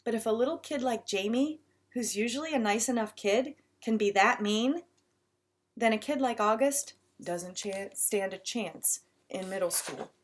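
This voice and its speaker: A woman's voice: fairly high pitch, unhurried. A woman narrating a story in the first person with a casual, conversational delivery. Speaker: audiobook reader.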